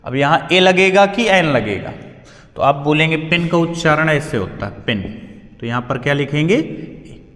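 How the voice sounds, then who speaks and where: A man's voice: on the high side, lively intonation, normal speed, fairly bright tone. Man teaching in an echoey hall. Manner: asks questions and answers them himself. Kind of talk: classroom grammar lesson.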